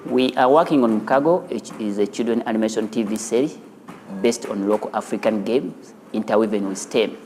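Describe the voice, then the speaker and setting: Speaking a little quickly in a fairly low voice, a Ugandan-accented man sounds as if he is in a big room. He's the animation studio founder featured in a news profile, combining an interview with a tour of the studio, with music underneath.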